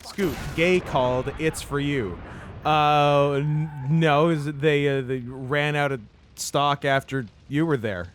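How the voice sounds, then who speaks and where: A man's voice: a little high, fairly even intonation, takes it slowly, a little hiss or hum. A man in casual comedic banter as a gaming co-host, riffing playfully and stammering into repeated words.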